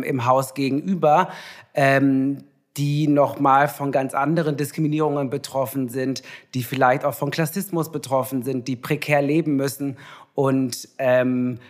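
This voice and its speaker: A young man, a TV presenter, talking casually and reflectively as an interview guest, with many pauses and fillers. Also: mid-range voice, steady tone.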